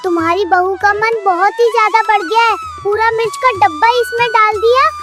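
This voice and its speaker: A woman's voice: very high voice, fairly even intonation, normal speed. A woman voicing a meddling, quarrelsome aunt in a cartoon, talking bossily over children's music. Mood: indignant. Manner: bossy, domineering. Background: children's background music.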